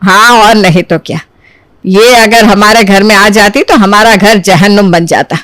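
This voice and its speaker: Woman doing a patient middle-aged mom in a cartoon, coaxing, mid pitch, dry sound. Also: fairly even intonation, measured pace, fairly bright tone, no echo, natural voice. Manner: coaxing, reasoning. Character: practical middle-aged mother.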